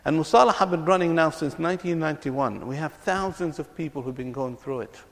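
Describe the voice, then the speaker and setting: Speaking fairly quickly with a fairly high pitch, a Palestinian ministry speaker on reconciliation addresses his audience. He tells stories with earnestness and frequent repetition, and a long hall reverb colors the recording.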